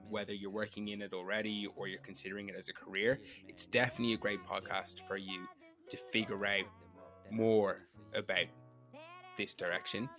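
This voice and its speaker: A man's voice: fairly low pitch, level tone, brisk, pushed and bright, soft background music. A man hosting a podcast in a conversational style, explaining things and putting questions plainly to listeners and guest. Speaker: podcast host. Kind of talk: conversational podcast introduction and interviewing.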